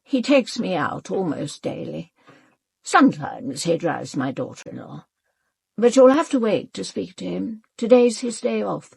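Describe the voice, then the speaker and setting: In a radio drama, an actress plays a proud, elderly upper-class British mother, speaking in a formal, clipped, precise, haughty way with cool, controlled dismissiveness. Her voice is on the low side, with vocal fry, a breathy edge, and a slightly mellow quality; it's very animated and exaggerated at a measured pace, with no echo.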